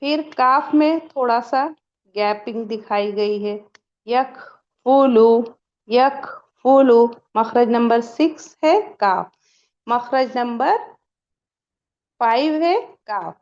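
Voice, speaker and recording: A woman's voice: fairly high pitch, animated, takes it slowly, muffled recording. A woman teaching a Quran pronunciation lesson step by step, asking and answering her own questions and stretching out sample sounds.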